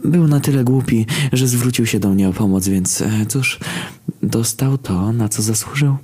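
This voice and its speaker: Man playing a villainess of the abyss, calm, scornful, husky, mellow, story reading. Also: mid-range voice, unhurried. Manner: calm, dismissive. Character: cold scornful female villain, abyss spirit.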